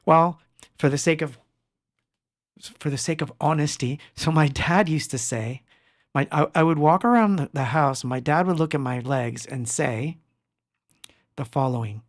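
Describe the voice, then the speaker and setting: A man's voice: fairly high pitch, moderate pace, long pauses, dry recording, clean studio sound. A middle-aged man from Argentina hosting a casual livestream, rambling, greeting chat viewers by name and laughing often. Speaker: livestream host. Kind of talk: casual live-stream chat. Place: home studio.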